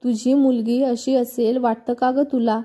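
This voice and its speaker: A woman's voice: a little high, little pitch movement, measured pace, warm tone. A woman voicing a tearful young bride pleading with her mother, in a storybook reading.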